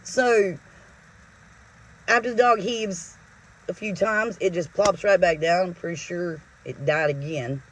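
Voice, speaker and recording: A woman telling a story casually to camera, animated and profane, laughing often as she retells it. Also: on the low side, unhurried, poor audio. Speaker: vlogger.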